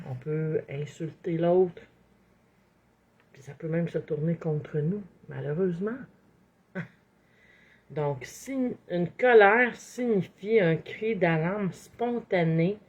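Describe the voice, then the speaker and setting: A woman with a Québécois accent talks through everyday advice in a loose, expressive monologue, voicing her own inner thoughts as she goes. Her voice sits a little low and carries a husky, breathy edge. The sound is muffled and slightly lo-fi. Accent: Québécois French. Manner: expressive, acts out inner thoughts, frequent "hein". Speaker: inspirational speaker. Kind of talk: casual motivational monologue.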